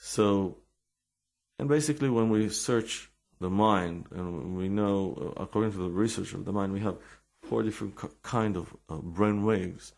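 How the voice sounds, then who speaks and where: Speaking with an Israeli accent, this man shares personal anecdotes in a casual religious talk, often pausing and repeating himself as he hunts for English words. His lowish voice is gravelly and a little mellow.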